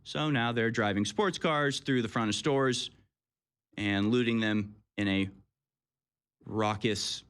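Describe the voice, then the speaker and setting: A man's voice: on the low side, takes it slowly, pauses often, fairly bright tone, clean tone. A man hosting a call-in talk show, delivering sarcastic, mocking political commentary.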